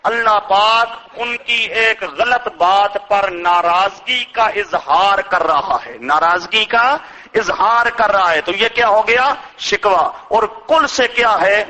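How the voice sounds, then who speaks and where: A man's voice: high-pitched, bright, forceful tone, muffled recording. An older male Islamic scholar with a Punjabi accent, giving a sermon that poses rhetorical questions to his listeners and chants Quranic verses.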